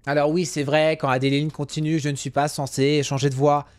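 A young man giving casual, jokey commentary while playing a driving game, now and then yelling at other drivers. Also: fairly high pitch, level tone, fast, no echo. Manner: chatty, jokey, swings to loud yelling at drivers. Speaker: gaming youtuber.

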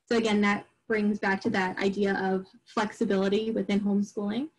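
A woman's voice: mid-range voice, level tone, brisk, rough recording. A middle-aged woman from Long Island giving an informal presentation to parents, chatty and full of fillers and restarts. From Long Island, New York. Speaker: homeschool group presenter. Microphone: recorded online program.

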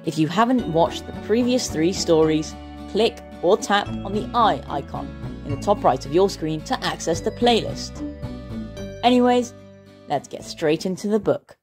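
A woman reading a children's storybook aloud in a slow, expressive way, as the channel's storyteller. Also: on the low side.

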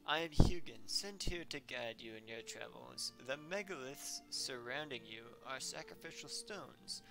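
A man's voice: medium pitch, animated, a little slow, vocal fry, music in the background. A man reading aloud the lines of a solemn guiding crow spirit in a video game, in close to his own voice.

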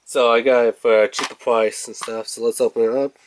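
A gaming channel host with a stuffy, congested nose unboxes and reviews a video game, clearing his throat as he goes. His medium-pitched voice stays level and fairly quick, packed with fillers as he rambles to camera while handling the case. It's recorded indoors at home on a phone or camera above a table, with slight background noise.

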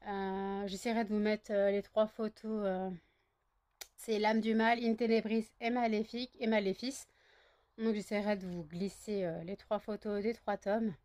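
A woman's voice: mid-range voice, darkish tone. A woman from France vlogging in a casual, rambling chat, with many fillers and restarts. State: groggy, just woke up. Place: outdoors in a garden, then at home.

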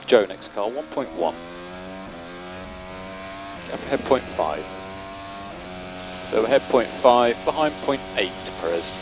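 Over noisy team radio full of car noise, a male race engineer with a mid-range voice gives terse, matter-of-fact updates through a radio headset. He sounds animated yet speaks slowly, with long pauses.

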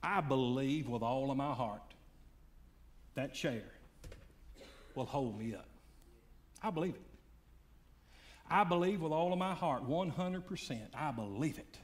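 A man preaching a sermon, swinging between loud fiery calls and hushed, quiet lines. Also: mid-range voice, lively intonation, measured pace, long pauses. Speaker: pastor.

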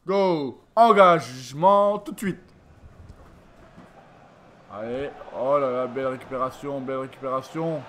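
Still yawning after waking up, this YouTuber calls his own football game match at his home computer, full of excitable repeated exclamations and "ooh-la-la"s. He speaks in a mid-range voice, unhurried and pausing often, on a noisy home recording.

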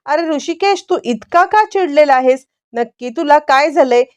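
Woman doing caring middle-aged mother, concerned, coaxing, higher pitch. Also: lively intonation, moderate pace.

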